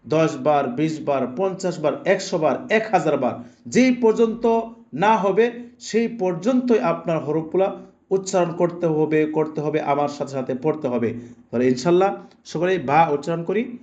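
A man teaching Quran recitation, slowly and deliberately drawing out each letter sound for his students to repeat. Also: fairly high pitch, a little mellow, lo-fi sound. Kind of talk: slow instructional lesson.

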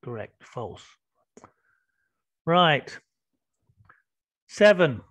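Slow-talking male teacher on a call. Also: fairly high pitch, sing-song, fairly bright tone, no room sound. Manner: patient, prompting students with questions. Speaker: English teacher. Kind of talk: online class teaching. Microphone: video call. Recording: lo-fi video call audio.

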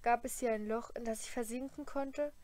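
A woman reading a first-person audiobook, with an expressive, dryly humorous storytelling manner. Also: fairly high pitch, moderate pace, dry recording. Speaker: audiobook reader.

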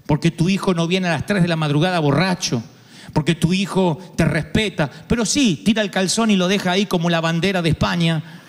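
A man with an Argentine accent preaching a humorous sermon, acting out quoted voices and breaking into sudden shouts. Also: high voice, a little fast, in a large hall. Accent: Argentine Spanish. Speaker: pastor.

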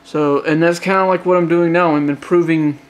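This man's voice is fairly high and steady, and he moves at a brisk clip. He's a hobbyist phone modder from Georgia with a light Southern accent, rambling through a late-night casual vlog update full of fillers and false starts.

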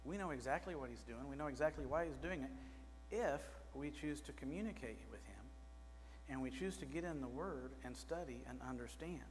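A man's voice: mid-range voice, fairly quick. Man preaching in a reverberant church. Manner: conversational, asks the congregation questions, gestures at a pulpit. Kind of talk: sermon. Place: small church sanctuary. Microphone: pulpit microphone. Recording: reverberant church with faint mains hum.

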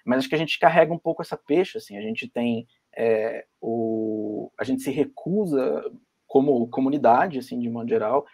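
A man with a Brazilian Portuguese accent talks through ideas on a video-call panel. His voice sits at a middle pitch. He hesitates often, restarts his sentences and adds small tags as he goes. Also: lively intonation, normal speed, vocal fry, darkish tone, husky. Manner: thoughtful, many fillers and restarts. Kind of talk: academic panel discussion.

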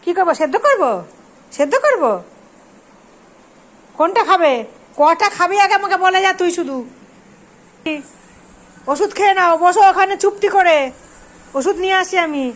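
Woman, very high voice, coaxing pet-vlog chatter. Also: moderate pace, pauses often. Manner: coaxing, sing-song baby talk to dogs. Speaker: pet vlogger. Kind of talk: casual talk to pets.

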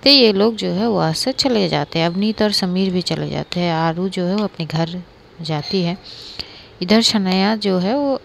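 Woman telling a story, chatty and steady. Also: fairly low pitch, a little slow, vocal fry, slight background noise. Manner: conversational, steady, frequent filler phrases. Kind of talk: casual narrated love story.

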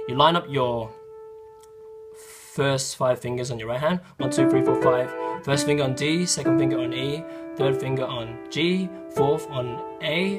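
A man who is getting sick talks through a piano lesson in a loose, chatty way, counting fingers as he goes. His voice sits at an ordinary pitch for a man, with a touch of hoarseness. Loud piano playing runs under his words. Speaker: piano teacher. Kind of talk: casual piano tutorial. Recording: loud piano music over the voice.

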